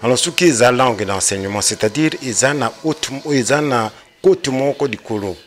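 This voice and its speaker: A man's voice: mid-range voice, normal speed, a little hiss or hum. A man, a panel guest explaining his view and mixing in Lingala words. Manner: explanatory, mixes in Lingala, rises emphatically. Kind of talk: debate discussion.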